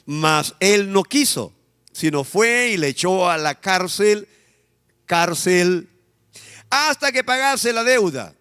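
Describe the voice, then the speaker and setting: Emphatic Peruvian pastor preaching in a hall. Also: male voice, sits high, expressive, sharp tone, smooth. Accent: Peruvian Spanish. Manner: emphatic preaching, drawn-out phrases, asks the congregation to repeat. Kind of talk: sermon.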